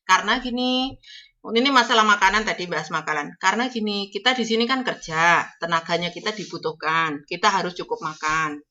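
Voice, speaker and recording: A woman's voice: medium pitch, fairly quick, sharp tone, lo-fi sound. A woman from Java with a Javanese accent, giving chatty, coaching advice to domestic workers heading abroad and slipping into Javanese phrases. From Java, Indonesia. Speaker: agent advising domestic workers going abroad. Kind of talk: casual advice talk.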